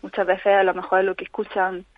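A woman tells her story in an interview. She speaks earnestly, pausing and restarting often. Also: medium pitch, monotone, no room sound. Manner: earnest, halting, frequent restarts. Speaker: guest, mother living with chronic pain. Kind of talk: personal account in a call-in interview. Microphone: telephone. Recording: tinny phone line on radio.

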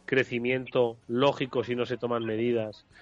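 A man's voice: medium pitch, level tone, normal speed, lo-fi sound. A man hosting a radio panel discussion, putting questions to his guests with many fillers. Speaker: radio show host.

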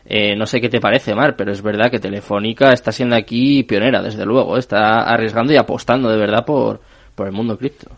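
A man's voice: lowish voice, steady tone. A man hosting a panel discussion, reading news out and asking the guests for their views. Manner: reads news aloud quickly, leads the panel. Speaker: host. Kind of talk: roundtable discussion.

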